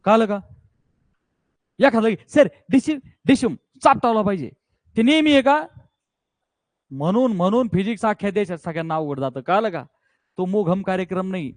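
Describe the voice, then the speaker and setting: Energetic high-voiced male physics teacher. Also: moderate pace, pauses often, no echo. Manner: energetic, coaxing, keeps checking students understand. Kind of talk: classroom physics lesson. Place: classroom with students.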